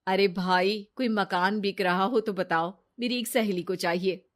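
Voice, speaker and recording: A woman's voice: medium pitch, fairly even intonation, measured pace, close to an everyday voice. A woman voicing a scheming, jealous young woman who talks in a sly, pushy way.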